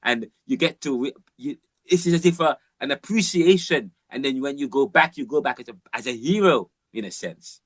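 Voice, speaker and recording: A man's voice: mid-range voice, moderate pace, few pauses, no echo. A man from Jamaica, giving an informal, rambling university lecture with emphatic repeats and frequent restarts.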